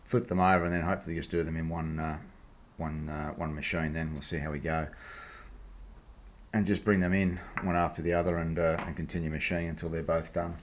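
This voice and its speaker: An Australian workshop host speaks in a rumbling low voice with flat delivery and a brisk pace, casually explaining a machining job at home. His style is relaxed and blokey, and the recording carries a slight hiss or hum.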